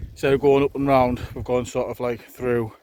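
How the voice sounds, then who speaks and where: On a wet, windy hiking trail, a man with a mid-range, slightly mellow voice chats to camera fairly quickly in a level tone. He's a hiking vlogger with a relaxed, wry manner, and the outdoor walking recording is noisy and windy.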